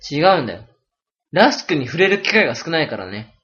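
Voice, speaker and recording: A man's voice: fairly high pitch, sing-song, brisk. A man, co-hosting a casual radio chat and teasing his friend. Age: 20s. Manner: teasing, playful, jumps between loud and quiet. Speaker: radio show co-host. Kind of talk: casual banter. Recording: dull lo-fi home recording.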